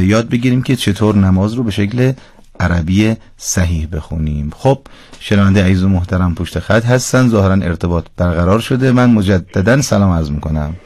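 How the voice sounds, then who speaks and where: A man with a somewhat low voice hosts a call-in radio lesson from a dry, close studio. He speaks patiently and corrects pronunciation with exact detail. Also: darkish tone, dry recording. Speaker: radio Quran recitation teacher.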